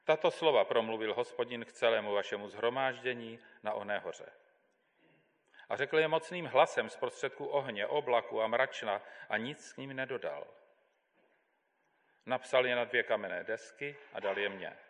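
A man giving a measured, deliberate Bible reading as a scripture reader in a church. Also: mid-range voice, fairly bright tone. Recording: long hall reverb.

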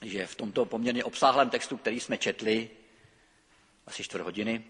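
A man's voice: on the low side, breathy edge. A middle-aged man preaching a sermon, reading scripture expressively and then talking freely with hesitations. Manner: lively expressive reading, halting with fillers when speaking freely. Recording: long reverb of a church hall.

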